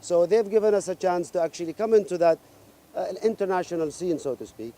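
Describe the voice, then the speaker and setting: A man's voice: high voice, a little fast, mellow. A man speaking for a golf club in an interview, hesitant, with many fillers and restarts. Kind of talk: interview answers.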